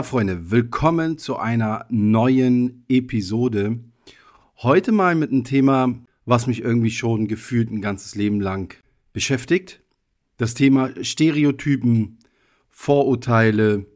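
A man in his thirties who grew up in Germany, hosting his own podcast in a casual, reflective monologue with loose wording and many hedging fillers. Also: mid-range voice. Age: 30s. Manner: thoughtful, personal, loose with frequent hedging fillers. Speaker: podcast host.

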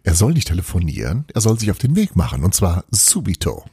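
A man's voice: deep voice, wildly swooping pitch, a little fast, warm tone, husky, dry recording, clean studio sound, full character voice. A man voicing a scheming, flighty old witch mother who drops Italian words into her teasing talk.

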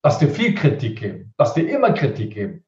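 A man's voice: mid-range voice, wildly swooping pitch, brisk, crowd noise. A man who works as a speaker and rhetoric coach, giving emphatic advice in an interview and hammering his points home through repetition. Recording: roomy, distant, dull sound.

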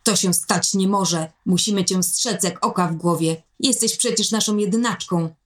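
A woman's voice: medium pitch, normal speed, close to an everyday voice. A woman reading a storybook voices a wealthy, angry father who scolds his daughter. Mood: stern. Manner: scolding, reproachful. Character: rich stern father, angry and possessive. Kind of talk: storybook narration.

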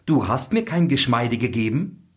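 A man's voice: medium pitch, sing-song, moderate pace, pitched above the performer's own voice, close to an everyday voice. A man voicing an ugly, scheming young bride who scolds shrilly. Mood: haughty. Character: false bride, ugly young woman, scheming and short-tempered.

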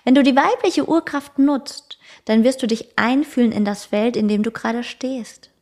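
Calm, reflective German-speaking woman podcaster. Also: on the high side. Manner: calm, slow, addresses the listener directly, drops into soft whispers. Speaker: podcast host. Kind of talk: reflective spiritual podcast talk.

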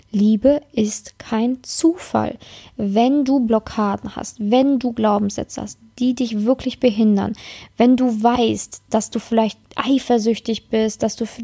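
A woman coaches her listener on love in an earnest, motivational talk, addressing them directly and adding a questioning "ne?". Her voice sits fairly high but has a warm, mellow tone. She stresses points bluntly and strings lists together with a repeated "und, und, und". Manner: speaks straight to the listener, tags lines with "ne?" and repeats "und, und, und".

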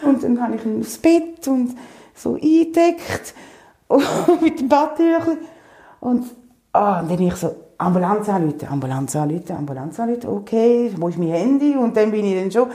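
A woman with a Swiss German accent tells a story from her own life in a casual, animated way. Her voice sits a little high but sounds mellow and soft. She laughs often, and the recording rings in an echoey room. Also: measured pace.

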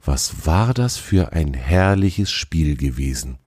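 A man reads a children's story aloud in a deep, dark voice. His melody rises and falls freely, and the sound is dry and close. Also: very animated, takes it slowly, slightly rough, no echo. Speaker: narrator.

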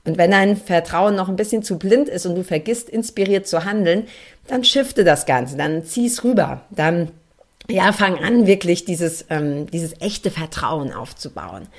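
A woman's voice: on the low side, lively intonation, measured pace. A young adult woman hosting a solo spiritual podcast, talking earnestly and emphatically straight to her listeners as a coach. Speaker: podcast host and card-reading coach.

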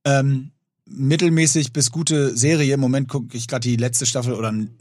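A man in his thirties, co-hosting a casual podcast chat and telling stories with lively acted-out bits. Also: medium pitch, normal speed, no room sound, clean studio sound. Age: 30s. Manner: animated storytelling, acts out scenes in raised voices. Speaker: podcast co-host.

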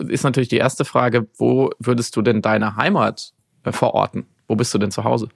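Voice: medium pitch, steady tone, normal speed, creaky, dry recording. A podcast host asking attentive follow-up questions with frequent listening noises. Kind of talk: interview questions. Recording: dry close studio sound.

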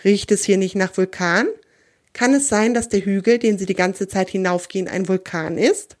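A woman reading a children's story aloud in a gentle, expressive way. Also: mid-range voice, moderate pace.

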